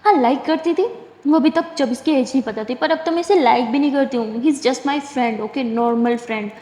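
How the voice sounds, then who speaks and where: A woman's voice: high voice, dark tone, natural voice. A woman voicing a young woman who brushes things off in a light, teasing way, with a roomy echo around her. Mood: dismissive. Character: young woman, breezy, teasing best friend. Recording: roomy with long reverb.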